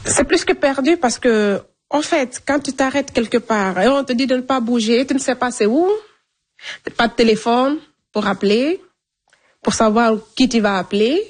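A woman's voice: a little high, moderate pace. Woman telling her own story plainly. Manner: plain, repetitive storytelling with spoken fillers. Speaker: interviewee recounting her migration. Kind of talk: personal testimony in conversation.

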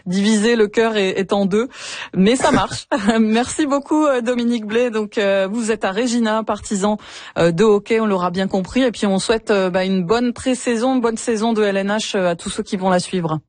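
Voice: medium pitch, normal speed, no room sound. A radio host interviewing a guest and leading into a music segment.

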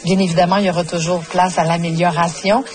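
A woman answers interview questions in a measured way. Her voice sits a little low, and she comes back to the same stock phrases as she explains her festival's choices. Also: flat delivery, darkish tone. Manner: measured, repeats set phrases. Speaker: comedy festival programmer.

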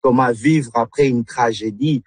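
A man from the Democratic Republic of the Congo speaks as a guest in an interview. His voice is a little husky and sits at a middle pitch. He talks earnestly, stopping often and repeating words as he searches for them, in a dry, close sound. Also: unhurried, no echo. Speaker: guest, literary club member. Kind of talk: radio interview.

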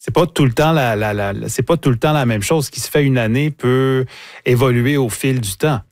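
Man hosting a radio interview on a dry studio mic, steady questions, medium pitch. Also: normal speed, dry recording. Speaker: radio host. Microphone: studio microphone.

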